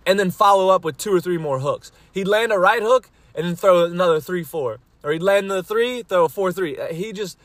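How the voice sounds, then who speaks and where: High-pitched, brisk and slightly bright, his voice runs with few pauses and no echo. A man rambles casually on his solo podcast, informal and mildly profane, using a phone microphone in a parked car while rain pounds the roof.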